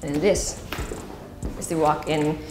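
A deep-voiced woman with a Filipino accent takes it slowly with a flat delivery as she hosts a chatty, casual tour of an empty house, walking through its rooms and stairwell. She talks unscripted and switches into Tagalog asides. The audio from her wireless body mic, pack at her waist, is echoey from the bare rooms and has music underneath.

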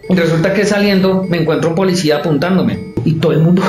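A man who directs theater tells stories in an interview, lively and acting out others' voices as he goes. He's a fast talker with a slightly high voice, and the sound is reverberant, over music.

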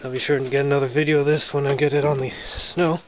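This is a hobbyist narrating a casual walkaround of his snowmobile. He films it himself on a handheld camera indoors, in a garage or shed with windows, and the camera picks him up close. He speaks fast in a middling pitch, sounding relaxed, plainspoken and matter-of-fact, over clear noise in the recording.

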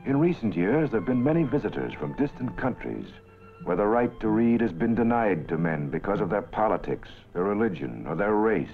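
A man with a lowish, lively voice gives formal, measured old newsreel narration. His voice comes through a thin, tinny 1940s film soundtrack, with an orchestral score playing clearly behind him. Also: faint music behind. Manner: formal, measured announcer delivery.

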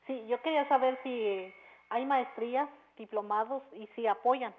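A woman's voice: fairly high pitch, unhurried, slight background noise. A woman from Mexico with a Mexican accent, calling in to a TV program over a phone line and asking her question politely and directly. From Tlaxcala, Mexico. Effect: heard over a phone line. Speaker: caller to a TV program. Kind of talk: call-in question.

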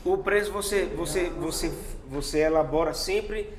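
A man's voice: high voice, normal speed, a crowd in the background. Hesitant Brazilian man in an echoey workshop. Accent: Brazilian Portuguese. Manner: hesitant questions with restarts. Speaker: course student. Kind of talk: asking questions in class. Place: large indoor car repair workshop.

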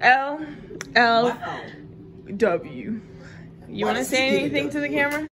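A young woman vlogging at a party, giggly and playful, quick to joke. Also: high voice, lively intonation, loud music behind the voice. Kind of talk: casual vlog chat. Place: at a house party, indoors and out.

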